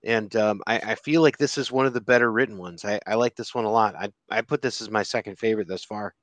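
A man co-hosting a podcast who talks about a comic book in a relaxed, hesitant way with many restarts. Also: fairly low pitch, quick pace, no room sound. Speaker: podcast co-host. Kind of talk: casual comic book discussion.

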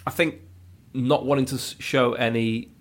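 A man's voice: medium pitch, fairly even intonation, normal speed. A man chatting candidly on a podcast, rambling through memories with plenty of fillers. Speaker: podcast co-host, father of two. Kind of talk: casual podcast chat.

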